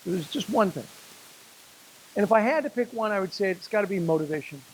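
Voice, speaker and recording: A man giving a motivational speech and telling a story to a business audience, slowing down for emphasis. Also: sits high, animated, slight background noise, poor audio. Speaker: speaker at a business networking event. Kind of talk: motivational speech with a told joke.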